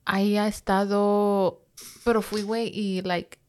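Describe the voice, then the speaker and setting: Podcast co-host, woman, mid-pitched, informal slangy talk peppered with English words. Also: little pitch movement, slow pace, darkish tone, clean tone. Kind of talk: casual true-crime podcast chat.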